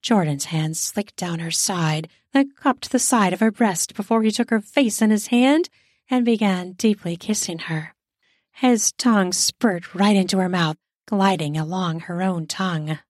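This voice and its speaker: A woman narrating an erotic audio story in a smooth, steady storytelling manner. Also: lowish voice, a little slow, dry recording, clean studio sound.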